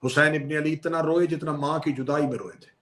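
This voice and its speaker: A male preacher recites a sacred story of grief in a fairly high voice. He swings between swelling, tearful declamation and sudden hushed drops. The delivery is slow and fully theatrical, like a mourning sermon. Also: fairly even intonation, echoey room. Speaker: Shia cleric. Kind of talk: emotional majlis sermon narration.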